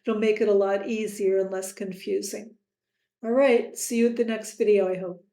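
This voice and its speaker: A woman tutoring software in a screen-recorded lesson, friendly, with quiz-style asides to the viewer. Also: medium pitch, steady tone, moderate pace, roomy sound.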